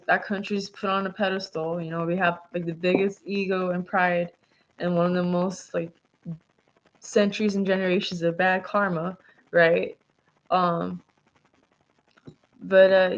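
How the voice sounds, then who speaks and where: A woman guest heard over a call line, answering in a rambling way full of fillers and self-corrections. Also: lowish voice. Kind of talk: casual interview answers. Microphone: video call. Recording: dull lo-fi call audio.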